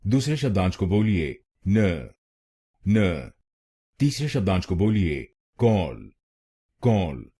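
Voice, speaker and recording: A man with a very low, husky voice delivers a scripted pronunciation lesson. He speaks slowly and deliberately, breaking words into syllables and repeating them with a dark, mellow tone. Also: sing-song. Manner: slow, deliberate syllable-by-syllable drilling. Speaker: pronunciation teacher.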